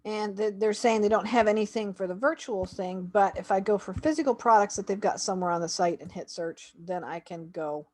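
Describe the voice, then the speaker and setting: A woman calmly walks through a website on screen, narrating each click in a relaxed, conversational way. She thinks out loud as she goes, with a steady, mid-pitched voice. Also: fairly quick, few pauses. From Canada. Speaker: homeschool website reviewer. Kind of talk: screen-share website walkthrough.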